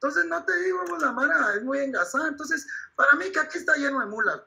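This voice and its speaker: A man's voice: very high-pitched, lively intonation, fast, creaky, sharp tone, poor audio. Rambling, profane Guatemalan man. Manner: rambling, profane, keeps saying "vos". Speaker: interviewee, actor of the film. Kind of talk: crude comedic slang-heavy rant.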